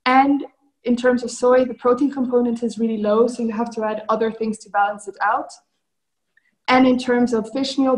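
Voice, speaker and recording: A high-pitched female voice, company founder, prepared pitch presentation, structured and explanatory delivery. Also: a little mellow, low-quality recording.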